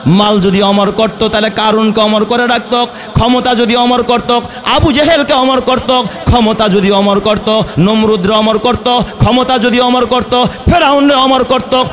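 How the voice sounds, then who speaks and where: High-pitched Bangladeshi man preaching passionately. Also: a bit bright. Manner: impassioned, rhetorical, repetitive building phrases, chanted Quran verses. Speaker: Islamic preacher, mufti. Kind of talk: rousing waz sermon with call-and-response questions to the congregation.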